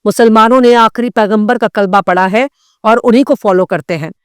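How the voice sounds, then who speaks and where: A woman's voice: on the high side, normal speed, smooth, no echo. Woman anchor, Indian, reads pointed scripted commentary; resonant voice, dry close mic. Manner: pointed, scornful delivery. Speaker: news anchor.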